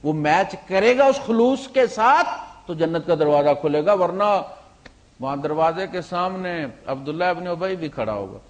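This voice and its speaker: High-voiced man preaching in animated story. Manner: animated storyteller, swinging between loud emphasis and quiet asides; sprinkles English words into his talk. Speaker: Islamic preacher. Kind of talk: storytelling sermon.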